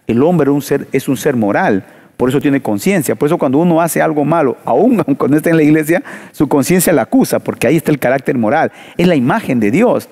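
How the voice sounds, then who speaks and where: A man's voice: mid-range voice, a little mellow. A man preaching in a panel discussion, asking rhetorical questions and telling stories with emphasis.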